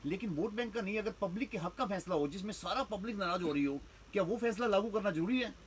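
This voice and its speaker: A man's voice: sits high, expressive, quick pace, slight background noise. A male reporter asking direct, probing questions in a street interview.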